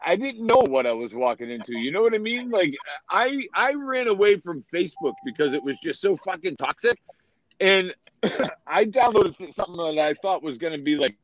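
A man from Massachusetts with a New England accent, telling loud stories as a podcast guest, swearing and laughing often. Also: high voice, very animated, moderate pace, highs cut off, a little hiss or hum. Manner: profane, laughing storyteller. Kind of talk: casual chat.

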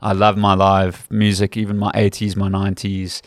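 A man's voice: low voice, completely flat delivery, normal speed, dry recording, studio quality. A man from Africa, a rugby commentator and guest telling stories earnestly in a casual interview. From South Africa. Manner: earnest, explanatory storytelling.

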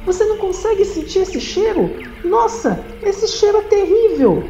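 A woman voicing a dramatic, lovesick female frog who talks in shrill, melodramatic outbursts. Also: big pitch swings, moderate pace, warm tone, soft background music. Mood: indignant. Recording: roomy, dull lo-fi sound.

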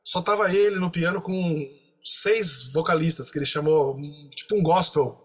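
Husky, high-voiced Brazilian man. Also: moderate pace. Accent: Brazilian Portuguese. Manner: excited, animated anecdote telling with slangy asides. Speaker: percussionist guest. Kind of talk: storytelling in a podcast interview.

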